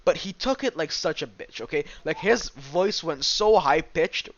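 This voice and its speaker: A young man hosting a podcast, ranting loudly and crudely, breaking into squealing acted outbursts. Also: fairly high pitch, expressive, a little slow, highs cut off. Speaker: podcast host. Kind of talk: casual podcast chat.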